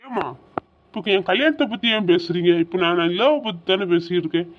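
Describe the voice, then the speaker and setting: A man's voice: high voice, animated, fast talker, dull audio. A man acting a weary young father who coaxes his daughter and argues with his mother. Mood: exasperated. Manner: soft coaxing, then exasperated. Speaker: father of the child. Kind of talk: home drama acting.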